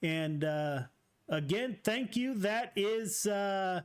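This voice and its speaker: Race broadcaster, male, slightly high voice, halting delivery with lots of fillers. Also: expressive, clear, resonant tone. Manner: halting, many uh fillers and restarts. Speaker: race league broadcaster interviewing drivers. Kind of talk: post-race interview and announcements.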